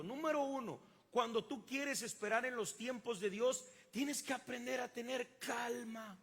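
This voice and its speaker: A man's voice: very high voice, gravelly, pushed and bright, in a large hall. A man with a Mexican accent preaching a sermon, emphatic and drawing the congregation in with call-and-response questions. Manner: emphatic, asks the congregation to fill in words. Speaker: pastor.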